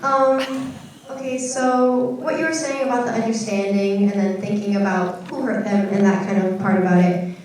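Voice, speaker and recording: Heard from a distance in an echoey hall, a young female audience participant talks chattily in a casual discussion, using "like" constantly. Her voice sits in the mid range with fairly even intonation, a darkish tone, and a normal pace, with slight background noise.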